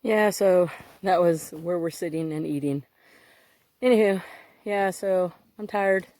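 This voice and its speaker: A woman's voice: on the low side, unhurried, dark tone. A woman, out of breath, chatting casually on a hiking trail. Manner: chatty, rambling with fillers. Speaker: hiking vlogger. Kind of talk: casual vlog chat.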